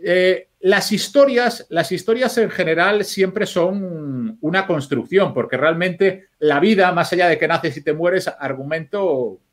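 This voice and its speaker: Chatty man, slightly high voice. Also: a little slow, hardly any pauses. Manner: loose, swearing storyteller, thinks aloud with restarts. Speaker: film editor guest. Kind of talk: casual podcast chat.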